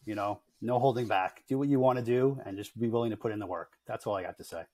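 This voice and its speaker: A man's voice: fairly low pitch, fast, a little mellow. Easygoing middle-aged male podcast guest. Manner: easygoing, chuckles between remarks. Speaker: guest, music industry consultant. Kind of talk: casual podcast interview.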